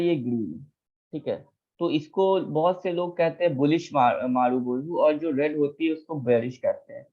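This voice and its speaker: A man teaching a chart lesson, patient, repeating key terms and asking if anyone is confused. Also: fairly high pitch. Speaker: trading teacher. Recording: tinny phone-like audio.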